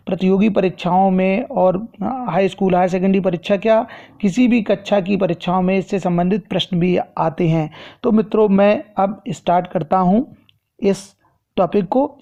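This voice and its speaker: A man teaching a grammar lesson in a measured, explanatory way, repeating key phrases, in a dull lo-fi recording. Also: high voice, gravelly, mellow.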